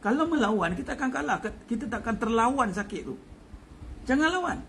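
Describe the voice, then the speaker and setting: A man's voice: very high-pitched, lively intonation, brisk, gravelly, fairly bright tone, slight background noise. A man giving a casual religious talk, chatty, repeating his phrases and chuckling often. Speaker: religious teacher.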